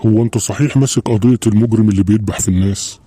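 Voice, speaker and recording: A man's voice: lowish voice, racing, warm tone, close to an everyday voice. A man voicing a worried, protective old grandfather in an Egyptian cartoon, speaking with an Egyptian Arabic accent in a pleading, fretful way. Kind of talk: Egyptian cartoon dub acting.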